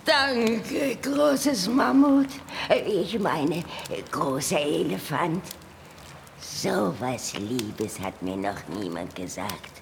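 A woman's voice: deep voice, very animated, extremely slow, creaky, a little hiss or hum, full character voice. A woman playing a lonely, aggrieved female lake monster in a children's audio drama, with a dramatic, self-pitying manner. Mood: touched.

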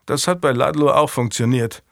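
A man's voice: mid-range voice, fairly even intonation, normal speed, creaky, a bit bright, no room sound, studio quality. A man voicing a weary, frank adult knight in an audiobook, speaking wryly and candidly. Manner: wry, candid.

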